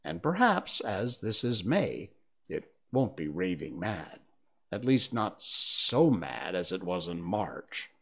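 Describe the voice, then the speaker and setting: A man's voice: low voice, big pitch swings, slow pace, fairly bright tone, pitched below the performer's own voice, exaggerated voice. A man voicing a polite, curious young girl who is a little timid, in a raised, prim and careful voice. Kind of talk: storybook reading.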